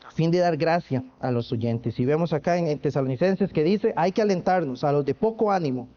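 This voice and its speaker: Man, Costa Rican accent, pastor preaching in church, earnest, slightly high voice, dull lo-fi recording. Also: animated, fairly quick, mellow. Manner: earnest preaching with frequent restarts and rhetorical questions. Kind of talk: sermon.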